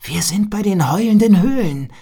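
A woman voicing a young male bird who is eager to prove his courage, in a high boyish voice. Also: lively intonation, normal speed, dark tone, breathy edge.

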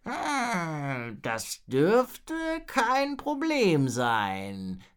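A man voicing a limping old welding dragon in a storybook, talking slowly with drawn-out groans. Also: on the high side, huge pitch swings, fairly bright tone, clear, resonant tone, full character voice. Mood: groaning, slow. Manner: slow, drawn-out groaning speech.

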